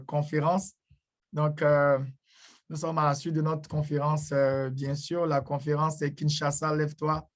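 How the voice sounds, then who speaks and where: A man speaking at an online church conference, greeting and blessing people with frequent hesitations. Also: a little high.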